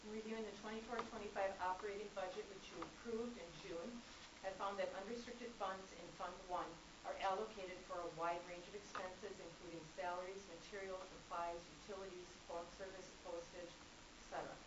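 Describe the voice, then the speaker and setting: With a mid-range voice and fairly even intonation, a woman who instructs accounting presents a formal public comment at a college board meeting, reading figures in a measured, businesslike way. She speaks without a microphone, captured in a dull, noisy, echoey room recording from a distance.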